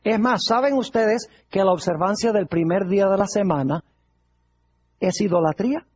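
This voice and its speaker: A man's voice: high-pitched, moderate pace, darkish tone, breathy edge, dull audio. A male pastor preaching a sermon, putting rhetorical questions to his congregation.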